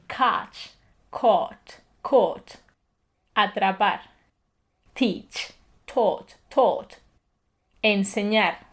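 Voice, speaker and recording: Very slow woman reading word lists. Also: a little high. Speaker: language teacher. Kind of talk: scripted audiobook narration.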